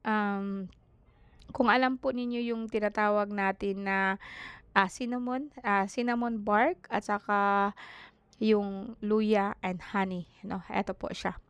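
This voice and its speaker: A woman leads a spiritual tarot reading in a hoarse yet smooth voice. She speaks politely and keeps checking in with her listeners. The sound is dry and close. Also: mid-range voice, steady tone, dry recording. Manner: polite, fills pauses with "no?". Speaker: tarot reader.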